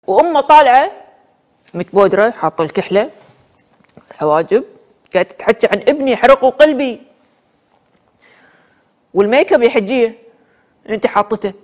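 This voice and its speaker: A woman giving a scornful, mocking opinion rant. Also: on the high side. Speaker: social media commentator.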